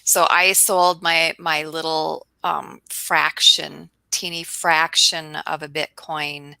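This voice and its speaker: Upbeat woman co-host, low and gravelly with a sharp brightness, dry close sound. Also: little pitch movement, takes it slowly, no room sound, rough recording. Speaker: podcast co-host. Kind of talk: casual chat.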